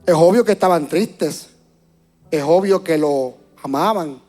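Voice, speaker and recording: A man preaching a sermon to a church congregation, moving between hushed and loud passages and often repeating words as he searches for them. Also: on the high side, measured pace, soft background music. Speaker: pastor.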